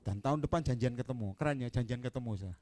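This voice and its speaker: An evangelist with an Indonesian accent touched by Javanese preaches a sermon, telling stories animatedly and swinging from quiet asides to loud proclamations. His voice is mid-range and fast, and the recording is dry.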